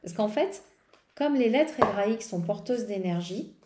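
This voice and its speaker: Showing off her tarot decks in a relaxed vlog, a woman rambles, often hesitating and starting over. She speaks unhurriedly at medium pitch with lively intonation, against a noisy background.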